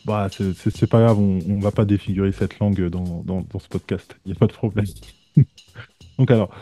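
A man's voice: lowish voice, fairly even intonation, moderate pace, dark tone, faint music behind. A man hosting a podcast in casual chat, hesitant, with many fillers and repeated words. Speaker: podcast host.

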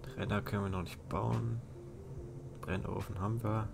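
A man's voice: fairly low pitch, fairly even intonation, moderate pace, creaky, background noise. A young man playing a video game with a friend, answering in short, blunt remarks. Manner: terse, blunt, short replies. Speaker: gamer co-playing. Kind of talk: casual gaming chat.

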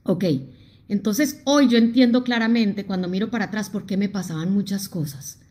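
A woman's voice: mid-range voice, moderate pace. A middle-aged woman from Colombia with a Colombian accent, hosting a live-streamed motivational talk, emphatic and addressing her viewers directly. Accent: Colombian Spanish. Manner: animated and emphatic, reads out viewer comments and talks to them directly.

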